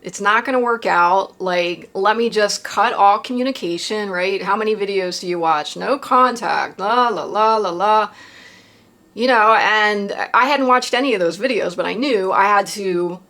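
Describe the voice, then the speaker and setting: Woman with a gravelly, creaky voice. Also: medium pitch, moderate pace, hardly any pauses, fairly bright tone. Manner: rambling, with frequent fillers and tag questions. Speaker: vlogger recounting a personal experience. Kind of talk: casual confessional monologue.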